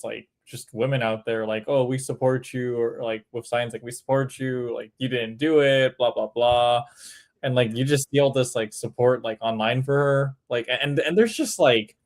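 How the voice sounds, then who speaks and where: A man co-hosting a live podcast, telling stories in a rambling casual way with many fillers. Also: medium pitch. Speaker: podcast co-host. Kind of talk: casual chat.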